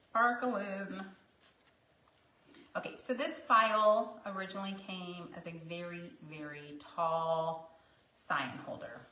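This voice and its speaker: A woman's voice: fairly low pitch, steady tone, slow, bright, forceful tone. A woman teaching a craft painting project in her studio, chatting casually with rambling, joking asides. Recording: echoey room, mic at a distance.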